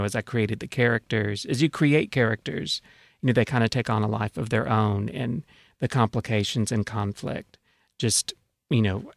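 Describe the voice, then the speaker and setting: A man's voice: lowish voice, creaky, dry recording, studio quality. A man talking casually as an author being interviewed on public radio, explaining things with frequent conversational filler phrases. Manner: explanatory, peppers talk with "you know".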